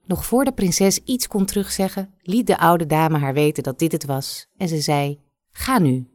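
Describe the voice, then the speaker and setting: A woman reads a fairy tale aloud, slow and measured. Her voice is fairly low, and the sound is dry and close. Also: darkish tone, no room sound.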